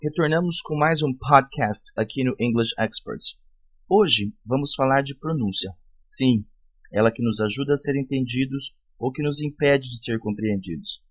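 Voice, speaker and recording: Man, podcast pronunciation lesson, deliberate word-by-word reading, husky voice. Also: medium pitch, fairly bright tone, dull audio. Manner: slow, deliberate word-by-word drilling. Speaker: podcast host teaching English pronunciation.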